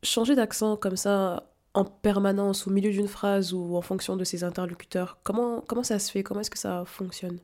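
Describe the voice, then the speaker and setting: A woman from Africa hosting a podcast, giving scripted narration in a clear, poised way. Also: mid-range voice, fairly even intonation, normal speed, few pauses, darkish tone. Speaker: podcast host.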